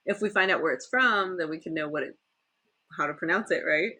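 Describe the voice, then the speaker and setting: A woman hosting a casual livestream chat, chatty and quick to laugh. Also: fairly low pitch, pushed and bright, slightly rough. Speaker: livestream host.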